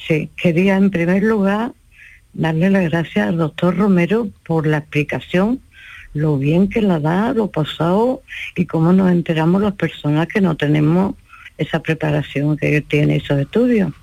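A woman's gravelly voice comes through a phone line as she calls in to a live radio program. She is chatty and grateful, tripping over repeated words as she goes, and the sound is dry and close. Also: lowish voice, normal speed, mellow, dry recording. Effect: heard over a phone line. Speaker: radio call-in listener. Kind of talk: casual phone call to a live radio show.

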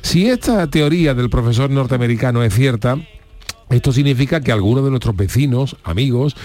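A man's voice: mid-range voice, lively intonation, brisk, dark tone. Wry man hosting radio comedy. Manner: mock-serious, wry delivery. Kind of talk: humorous scripted radio monologue and studio banter.

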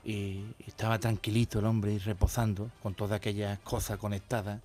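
A man's voice: on the low side, level tone, fairly quick, darkish tone. A man telling jokes in a chatty way, often restarting his phrases. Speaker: joke teller on a show. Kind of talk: casual joke telling.

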